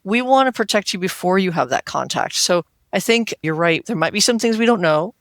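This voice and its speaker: A woman's voice: mid-range voice, lively intonation, a little fast, dry recording. A woman hosting a health podcast, speaking as a healthcare worker in an earnest, conversational way, stacking repeated phrases. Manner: earnest, repetitive "we want to" phrasing, acts out quotes. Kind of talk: conversational interview.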